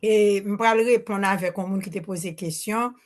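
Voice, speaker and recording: A woman's voice: mid-range voice, fairly even intonation, normal speed. Older Haitian woman, hesitant at the mic. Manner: hesitant, restarts often, mixes Creole words into French. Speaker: audience member asking a question. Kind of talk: spontaneous remarks at a public Q&A. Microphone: handheld microphone.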